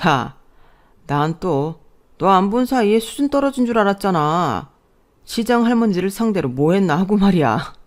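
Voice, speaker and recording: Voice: mid-range voice, big pitch swings, moderate pace, close to an everyday voice. A snobbish young friend, voiced by the narrator, jeers in a read-aloud story. His tone is sneering and mocking throughout.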